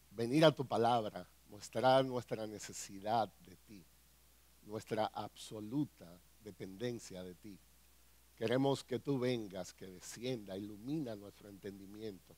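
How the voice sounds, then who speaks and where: A man, a pastor and counselor, praying earnestly and then teaching a conference workshop in a measured way. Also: fairly low pitch, a little mellow, dry recording.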